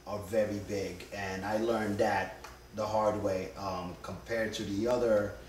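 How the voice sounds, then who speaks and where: A young man, a homeowner, explaining in a halting way while searching for words at a dining table. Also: lowish voice, level tone, darkish tone. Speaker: homeowner giving a testimonial. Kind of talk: casual testimonial. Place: dining room of a house, indoors. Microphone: far camera. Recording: roomy, distant camera audio, faint hum.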